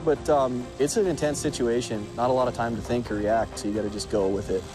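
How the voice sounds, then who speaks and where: A man's voice: mid-range voice, fairly even intonation, fairly quick, poor audio. A man casually looking back on events in an interview. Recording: music laid under interview.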